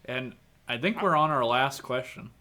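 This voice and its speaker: A young man from Kentucky hosting a podcast interview, unhurried and laughing often, with casual swearing. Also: mid-range voice, pushed and bright. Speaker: podcast host.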